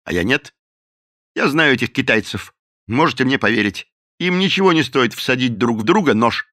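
A man voicing a loud, blustering, dim-witted police captain who barks and bullies. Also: mid-range voice, lively intonation, moderate pace, no echo, clean studio sound. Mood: gruff. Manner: barking, bullying, shouting.

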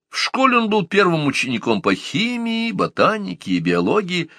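A man reads a first-person story aloud as an audiobook narrator. His storytelling is expressive, and his pitch moves around a lot. The recording is dry, with no room echo.

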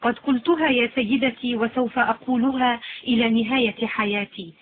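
A woman's voice: a little high, steady tone, brisk, natural voice. A woman voicing an earnest young man who asks doubting, searching questions. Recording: lo-fi phone-like sound.

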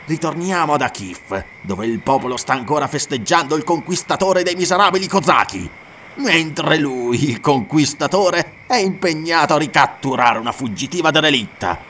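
A man's voice: mid-range voice, sharp tone, far from the mic, a little hiss or hum. A man voicing a cruel, arrogant lord who mocks and domineers in an audiobook. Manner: mocking, domineering.

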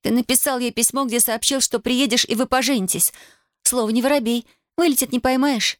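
A woman reading an audiobook, voicing a hurt young woman who reproaches her lover in high, loud outbursts. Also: quick pace, no room sound, studio quality. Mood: accusing.

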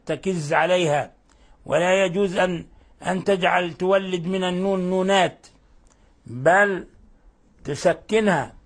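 High-voiced man teaching Quran recitation. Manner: patient, repeats and corrects phrases, explanatory. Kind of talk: tajweed lesson.

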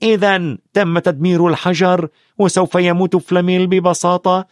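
A man's voice: high-pitched, level tone, normal speed, dry recording, clean studio sound, voice pushed up, natural voice. A man voicing a loyal, blunt schoolboy in an audiobook, with an eager, chatty delivery. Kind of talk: audiobook character voice.

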